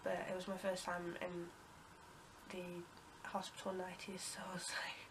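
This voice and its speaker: At normal speed, a congested young British vlogger tells a wandering story to camera, stopping and restarting with plenty of ums. She speaks in a flat, level tone and coughs and clears her throat. There's a constant hiss in the background.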